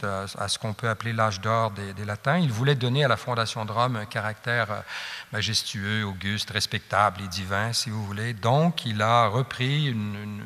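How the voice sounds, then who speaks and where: Male teacher, bright tone, halting lecture delivery with fillers, reverberant room. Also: lowish voice. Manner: chants verse rhythms, many fillers and restarts. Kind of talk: classroom lecture.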